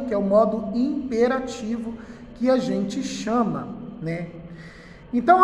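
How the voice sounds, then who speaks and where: A Brazilian man with a Brazilian Portuguese accent and a very high-pitched voice teaches a recorded online class in front of a classroom whiteboard. He patiently repeats key words slowly and checks in with "tá?", and the echoey room gives a long reverb.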